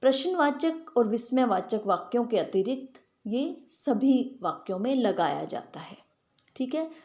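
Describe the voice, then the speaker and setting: Slow-spoken teacher woman in an echoey room. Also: on the high side, very animated, darkish tone. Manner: patient explaining, often checks understanding with tag questions. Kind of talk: classroom grammar lesson.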